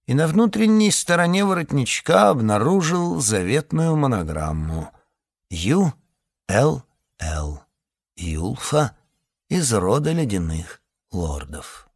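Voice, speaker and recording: A man reading a fantasy novel aloud in measured scripted narration. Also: medium pitch, no echo, clean studio sound. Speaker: audiobook narrator.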